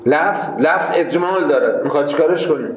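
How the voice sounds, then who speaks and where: A man's voice: a little high, dull audio, background noise. Argumentative male teacher in an echoey room. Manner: argumentative, fires rhetorical questions at listeners. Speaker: seminary teacher. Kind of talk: informal lecture to students.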